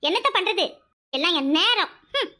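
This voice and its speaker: A woman voicing a put-upon village daughter-in-law in a cartoon, complaining and sharp-tongued, with a Kanyakumari Tamil accent. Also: extremely high pitch, lively intonation, moderate pace, full character voice. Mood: grumbling. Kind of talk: cartoon voice acting.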